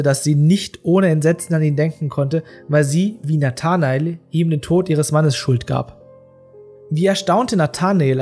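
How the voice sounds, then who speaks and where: An audiobook narrator reading a classic literary tale in a measured, expressive storytelling manner. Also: mid-range voice.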